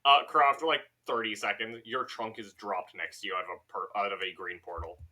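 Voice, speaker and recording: A man's voice: lowish voice, a little fast. A man narrating as game master of a tabletop game, playful and profane as he describes the scene. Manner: animated, swearing, playful.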